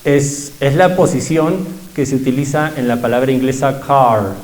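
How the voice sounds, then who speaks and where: A man leading a pronunciation workshop, patiently explaining sounds and repeating them slowly for his class. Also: medium pitch, darkish tone, rough recording. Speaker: language teacher.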